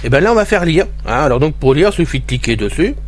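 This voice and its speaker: A man's voice: fairly high pitch, big pitch swings, fast talker. A man presenting an informal step-by-step tutorial, talking straight to his listeners as he describes what he does. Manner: addresses listeners directly, narrating his own actions. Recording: faint hiss from recorder. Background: hiss.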